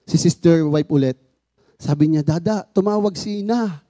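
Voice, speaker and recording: Earnest father, high mellow voice, testimony storytelling, acts out quoted lines, dry close sound. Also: normal speed, no room sound. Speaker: father sharing a personal testimony.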